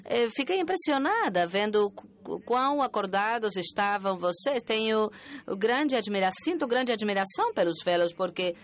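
A woman conference interpreter renders a talk at an uneven pace, alternately rushing and slowing, and often pausing and starting over. Her voice is medium-pitched and animated.

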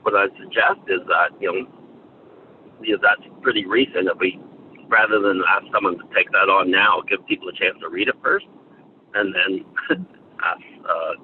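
A man calling into a work conference call on a car speakerphone while driving, making halting, careful suggestions. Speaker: meeting participant. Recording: tinny phone line with road rumble.

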